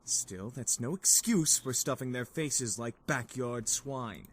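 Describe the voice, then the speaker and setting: A man voicing a stern, proper young man who is easily irritated and talks in a slow, disapproving way. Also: medium pitch, expressive, husky.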